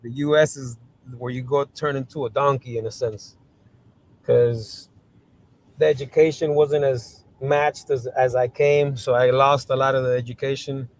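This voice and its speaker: A man's voice: medium pitch, steady tone, normal speed. A man from Colombia, raised in Miami, answering interview questions in a thoughtful, hesitant way. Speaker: interview guest. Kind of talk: casual interview chat.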